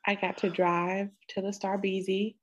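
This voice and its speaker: A woman's voice: medium pitch, flat delivery, moderate pace, dull audio, a little hiss or hum. An American woman co-hosting a podcast in casual conversation, responsive and often chiming in with affirmations. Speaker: podcast co-host. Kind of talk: casual chat.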